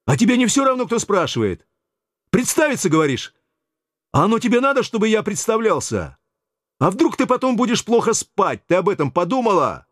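A man voicing a brash, rowdy man in his thirties who talks in a loud, mocking, coarse way. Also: high-pitched, very animated, fairly quick, no room sound, studio quality, pitched above the performer's own voice, full character voice. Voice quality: hoarse and coarse when shouting.

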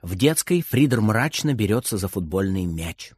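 A man reading a children's story aloud in an expressive, animated way. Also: lowish voice, normal speed, slightly rough, no echo, clean studio sound.

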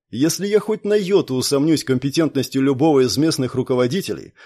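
A man voicing a domineering middle-aged police colonel who talks forcefully and browbeats. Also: mid-range voice, natural voice. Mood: commanding.

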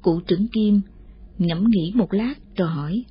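Woman reading a story out loud, husky voice, muffled lo-fi sound. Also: medium pitch, moderate pace. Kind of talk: scripted audiobook narration. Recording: muffled lo-fi audio.

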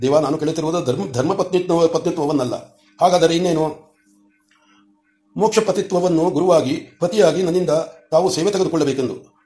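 A man's voice: fairly high pitch, brisk, pauses often, dark tone, echoey room, close to an everyday voice. A man reading the lines of an earnest young female disciple who makes a respectful plea.

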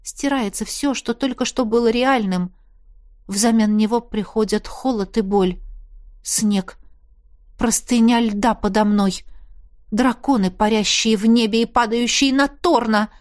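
A woman's voice: on the high side, steady tone, unhurried, a little mellow. A woman narrating a first-person story as an audiobook reader, intimate and emotional.

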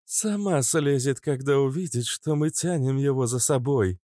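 A man's voice: a little high, lively intonation, normal speed, warm tone, dry recording, studio quality, pitched above the performer's own voice, lightly acted. A man voicing a blunt woman fighter in an audiobook, curt and grumbling. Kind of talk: audiobook character voice.

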